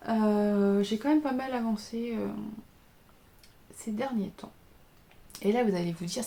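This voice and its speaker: Warm and fairly high-pitched, the voice belongs to a woman in her thirties who designs knitting patterns and hosts a podcast. She sounds tired as she makes casual video podcast conversation about crafting, displaying her work on camera, hesitant and full of fillers.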